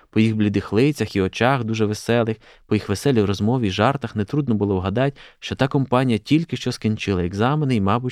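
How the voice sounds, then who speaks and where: A man, a journalist, reading a classic prose excerpt aloud in a steady, measured way. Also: on the low side, no room sound, clean studio sound.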